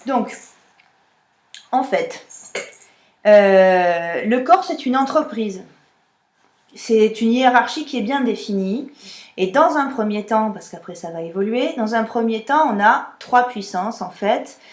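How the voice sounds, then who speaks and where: A woman's voice: on the high side, expressive, slow, long pauses. Woman singing teacher in an echoey room. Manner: explanatory, demonstrates vowels with her voice. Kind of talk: vocal technique lesson.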